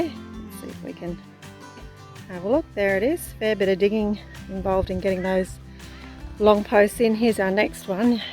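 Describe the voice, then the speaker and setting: A woman's voice: mid-range voice, darkish tone. A woman with an Australian accent, hosting a farm vlog in casual narration and chat. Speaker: host of an off-grid farm vlog. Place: outdoors on a rural property.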